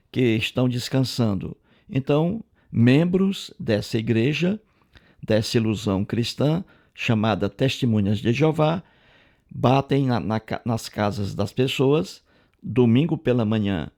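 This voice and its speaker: A man with a Brazilian Portuguese accent speaks close to the mic in a low, dark, gravelly voice. He lectures as if teaching a class, repeating points and stressing them hard. His delivery is didactic commentary aimed at viewers. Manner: repetitive, emphatic, lecturing, heavy use of fillers. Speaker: video commentator.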